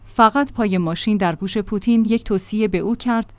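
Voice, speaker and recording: A woman's voice: medium pitch, no echo. Woman reading a news report, dry sound. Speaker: news reader.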